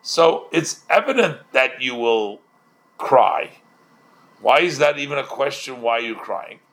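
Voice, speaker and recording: Slow-talking rabbi type guy, gravelly voice, retells then explains with lots of restarts. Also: mid-range voice, expressive, fairly bright tone. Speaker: Torah teacher. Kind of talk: storytelling Talmud class.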